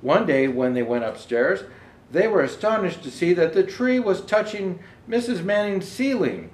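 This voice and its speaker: A male storyteller presenting himself as Santa Claus reads aloud to children in a highish voice that swings with animation. His delivery halts as he makes asides about the pictures, and the recording sounds roomy and echoing.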